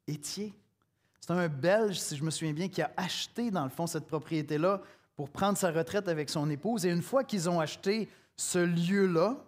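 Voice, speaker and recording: A middle-aged man with a Québécois accent preaching a sermon in a conversational, storytelling way, speaking straight to the listener. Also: a little high. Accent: Québécois French. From Quebec. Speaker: pastor.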